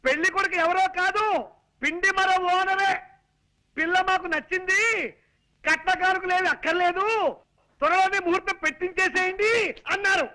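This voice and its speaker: An actor playing an excitable young suitor who talks theatrically in a film comedy. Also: male voice, very high-pitched, a little fast, pauses often, poor audio. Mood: scheming. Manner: theatrical, over-explaining. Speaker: comic suitor.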